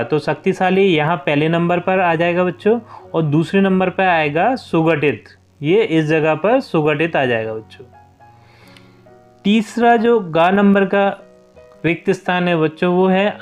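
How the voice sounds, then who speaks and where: A man explaining a Hindi lesson to young pupils, patiently going through each answer and often addressing the class directly. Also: high-pitched. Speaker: teacher.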